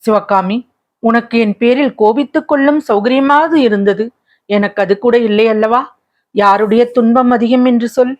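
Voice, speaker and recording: A woman voicing a young prince who is tender and coaxing, asking gentle questions, in a slightly muffled recording. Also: fairly high pitch, normal speed, lightly acted.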